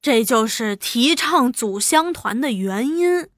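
An eloquent young official full of flattery and persistence, as a woman storyteller puts him on. The voice rides high and lively, delivered at a measured pace. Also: dry recording, clean studio sound. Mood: explaining. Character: young man, smooth-talking persuasive official. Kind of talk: storytelling dialogue.

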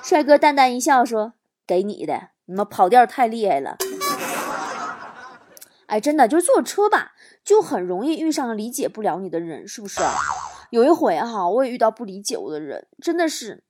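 Lady talk show host, super lively up and down voice, jokey stories. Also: on the high side, moderate pace, background noise. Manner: lively, acts out quoted lines with laughs. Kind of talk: comic monologue telling jokes and anecdotes.

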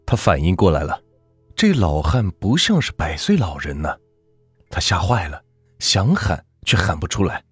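A low-voiced man tells a folk ghost story with lively, rising and falling intonation. His voice is husky. The recording is dry, with faint background music. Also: moderate pace, no room sound.

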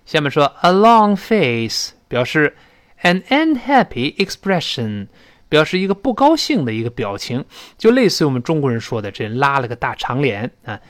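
A man teaching a spoken English lesson, explaining phrases and modelling pronunciation slowly. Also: no echo, studio quality. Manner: lively explanatory teaching, rising to high pitch for emphasis.

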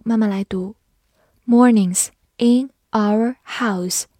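A woman who is a Chinese-speaking English teacher, patiently spelling words letter by letter and reading example sentences slowly. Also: fairly high pitch, a little mellow, no room sound, studio quality. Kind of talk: vocabulary lesson, spelling and slow read-alongs.

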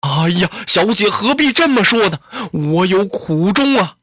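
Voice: medium pitch, expressive, a little slow, fairly bright tone, no echo, clean studio sound. A storyteller voicing an anxious, lovesick young warrior who speaks in earnest exclamations, in traditional Chinese storytelling.

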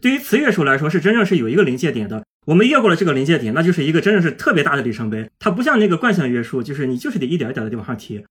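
A man explaining physics on a podcast as a guest, lively and step by step, with everyday images. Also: on the high side, very fast, hardly any pauses, breathy edge.

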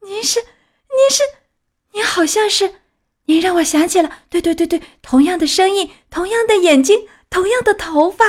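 A woman voicing an eager, excitable wooden puppet boy in a children's story reading, high and pleading. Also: brisk. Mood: tearful pleading.

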